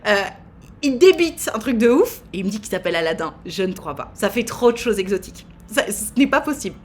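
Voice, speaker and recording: A woman's voice: mid-range voice, sing-song, fairly quick, a little hiss or hum. A woman in her thirties hosting a live stream, chatting casually in a teasing way with lots of fillers. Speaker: streamer host.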